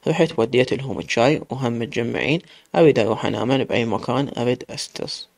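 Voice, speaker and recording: A man with an Iraqi accent narrating a story in the first person, in a plain, steady telling. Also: medium pitch, quick pace, gravelly, no room sound. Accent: Iraqi Arabic.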